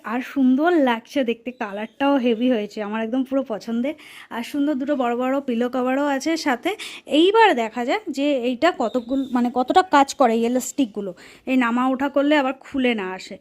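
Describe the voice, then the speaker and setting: A woman from West Bengal, India, with a high, darkish voice chats with viewers in a casual home vlog. Moving between the kitchen and bedroom, she cooks and tidies while talking, though she's unwell with a sore leg.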